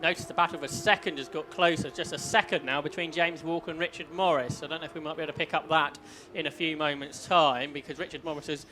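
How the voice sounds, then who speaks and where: Male motorsport commentator, slightly high voice, calling action play by play over music. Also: steady tone, fast, few pauses, bright, forceful tone. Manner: follows the action play by play, posing questions. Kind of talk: live race commentary.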